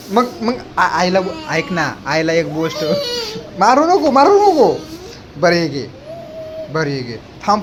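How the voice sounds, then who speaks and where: A man with a high, light voice talks in a casual family vlog, teasing and playfully scolding. He slips into fake whining now and then. A faint hum of noise sits under his voice. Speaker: vlogger, father.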